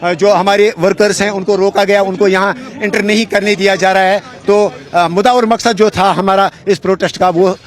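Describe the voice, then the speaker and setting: A man with a Kashmiri accent, speaking earnestly at an outdoor protest interview, often pausing and restarting. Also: high voice, fairly even intonation. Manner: earnest, halting with many fillers and restarts. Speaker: politician at a protest. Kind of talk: on-the-spot interview.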